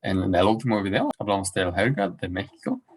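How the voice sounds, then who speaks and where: New zealand guy hosting, english native, really low voice, asks lots of questions. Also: fairly quick, husky. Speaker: host. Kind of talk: casual interview.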